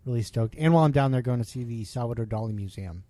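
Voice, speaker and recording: Guy hosting a podcast, laughs a lot, gets excited, hiccuping, mid pitch, dry close mic. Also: fast, no room sound. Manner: laughs often, excitable, trails off. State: has the hiccups. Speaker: podcast host. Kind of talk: casual podcast chat.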